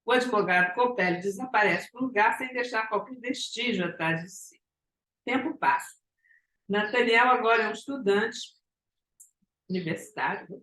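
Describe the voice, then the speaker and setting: A woman's voice: mid-range voice, moderate pace, bright, forceful tone. A woman giving a lecture, retelling a story with frequent tag questions and restarts. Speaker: psychoanalysis lecturer. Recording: echoey room.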